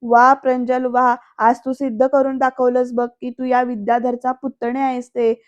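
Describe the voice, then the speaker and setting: A woman voicing a boastful middle-aged uncle, speaking loudly and melodramatically. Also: sits high, little pitch movement, normal speed, close to an everyday voice. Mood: gleeful. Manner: loud, exclaiming, melodramatic. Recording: dull lo-fi sound.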